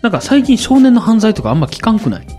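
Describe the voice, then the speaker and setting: A man with a Kansai accent co-hosting a casual podcast, playful and quick to laugh. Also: high-pitched, big pitch swings, mellow, faint music behind. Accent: Kansai Japanese. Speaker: podcast co-host. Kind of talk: casual chat.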